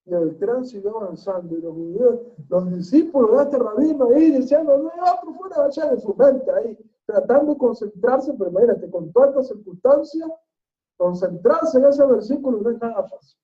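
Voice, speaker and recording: A Torah teacher telling a story in a sermon, animated and repeating phrases in a rhythmic way. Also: mid-range voice, a little fast. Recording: tinny phone-like sound.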